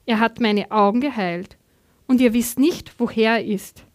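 A woman's voice: fairly high pitch, normal speed, close to an everyday voice. A woman reading as a healed blind man, insistent.

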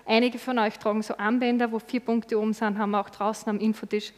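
A woman's voice: a little high, level tone, fast talker. Earnest woman preaching in a hall. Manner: earnest, personal, acts out quoted words. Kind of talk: sermon.

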